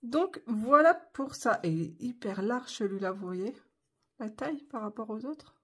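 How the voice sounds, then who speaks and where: A woman's voice: a little high, lively intonation, measured pace, a bit bright, breathy edge. A middle-aged woman from France chatting casually in a craft vlog, rambling with many fillers and swallowing her syllables. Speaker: craft vlogger.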